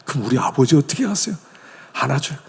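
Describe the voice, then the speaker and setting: Give me a male pastor preaching with a lively swooping, fairly high voice. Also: fast talker, vocal fry, breathy edge. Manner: animated storytelling preaching, acting out dialogue. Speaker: senior pastor. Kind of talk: sermon. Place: church sanctuary. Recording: long church-hall reverb.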